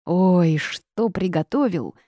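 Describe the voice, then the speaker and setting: A woman reading an audiobook and voicing an excitable male phoenix, a magical pet bird, with a gushing, exclamatory manner. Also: on the low side, takes it slowly, dry recording, studio quality. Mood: excited.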